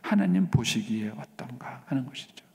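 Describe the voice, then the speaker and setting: A middle-aged man preaching a sermon as pastor, swinging between raised, emphatic exclamations and hushed whispers. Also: medium pitch, animated, moderate pace, gravelly. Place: church sanctuary. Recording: reverberant church sanctuary.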